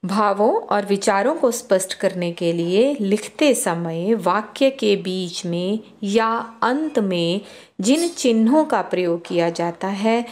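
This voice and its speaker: A woman teaching a grammar lesson to children, explaining slowly and repeating key terms. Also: medium pitch.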